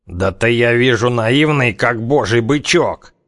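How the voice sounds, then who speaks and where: A man voicing a cocky, menacing gangster who threatens in slow, drawling criminal slang. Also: mid-range voice, fairly bright tone, pitched above the performer's own voice, natural voice. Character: tough one-eyed-gouging gangster, cocky, menacing.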